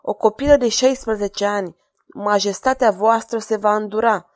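A woman's voice: mid-range voice, darkish tone, no room sound, studio quality, lightly acted. A woman reading aloud voices a desperate male court jester who begs with a trembling, tearful voice. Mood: pleading.

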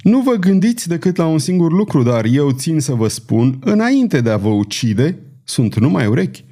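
A man's voice: on the high side, very animated, mellow, voice pushed up. A man doing a tense, defiant courier. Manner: anxious, defiant, voice rising under pressure. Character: tense, fearful male courier, a French count. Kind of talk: audiobook character voice.

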